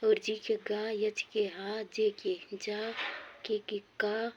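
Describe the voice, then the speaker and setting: Woman teaching english words one at a time, slow and steady, kinda muffled lo-fi sound. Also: mid-range voice, a little hiss or hum. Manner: drills words one by one, repeating each and giving its meaning. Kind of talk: spoken lesson on pronunciation.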